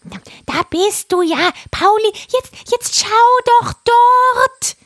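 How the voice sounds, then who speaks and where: Lady doing a shrill hyper parrot guy, stuttering and squawking, super high and loud. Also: takes it slowly, no room sound, studio quality, full character voice. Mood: excited. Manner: excited, stammering and squawking. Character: excitable chattering male parrot. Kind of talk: storybook voice acting.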